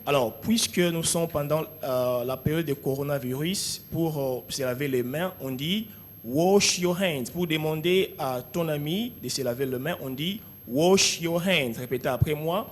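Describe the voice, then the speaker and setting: A man teaching English vocabulary to children, saying each word slowly so they can repeat it. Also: on the high side, slight background noise. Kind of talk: classroom drill lesson.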